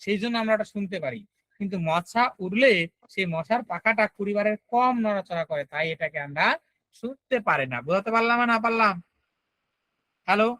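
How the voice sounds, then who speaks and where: A man's voice: high voice, fairly quick, bright, forceful tone, dry recording, poor audio. Guy teaching online, keeps asking if you got it, dry close sound. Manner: explains step by step, often checks if students follow. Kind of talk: online class lecture.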